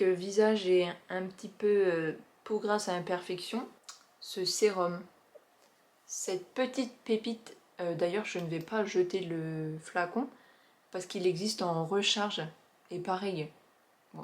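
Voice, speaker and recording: A young woman talking casually to camera about skincare products she has used up, chatty and enthusiastic, with many filler pauses. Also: lowish voice, darkish tone. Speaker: beauty vlogger reviewing finished products. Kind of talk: casual product review vlog.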